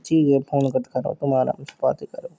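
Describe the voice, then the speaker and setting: A man's voice: medium pitch, flat delivery, normal speed, gravelly, warm tone, no room sound. A young man on a staged romantic phone call, sulking and insisting he is fine. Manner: sulky, hurt, keeps insisting he is fine.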